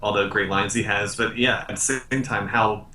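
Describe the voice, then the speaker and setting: A young man on a podcast chats casually and hedges his views with "I mean" and "probably". His voice is low-pitched yet bright, and it sits away from the mic in a roomy, echoing space. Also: steady tone, moderate pace, recorded from a distance, slight background noise. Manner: hedging, agreeable, many "I mean". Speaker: podcast co-host. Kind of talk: casual chat.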